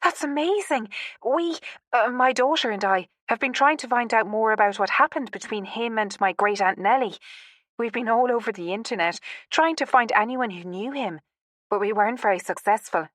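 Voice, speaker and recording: A woman's voice: mid-range voice, fairly quick, fairly bright tone, dry recording, studio quality, pitched above the performer's own voice, lightly acted. A woman voicing an earnest young mother of a daughter, speaking in a wondering, sincere way.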